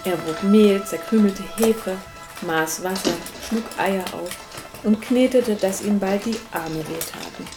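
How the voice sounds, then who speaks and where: A woman reading a children's story aloud to a small child at home, gentle and patient, with Christmas music playing behind. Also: mid-range voice, measured pace.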